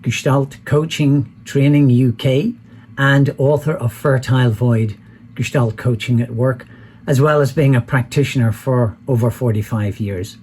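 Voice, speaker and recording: An older man, an executive coach, giving a measured, formal message of support. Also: mid-range voice, steady tone, a little mellow, a little hiss or hum. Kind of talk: prepared video message.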